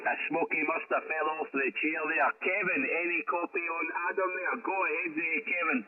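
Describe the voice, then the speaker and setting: A man's voice: a little high, steady tone, moderate pace, noisy background. Bantering Scottish man on tinny radio. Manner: bantering, matey. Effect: radio transmission. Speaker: amateur radio net controller. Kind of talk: casual ham radio chat. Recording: tinny narrowband radio with background chatter.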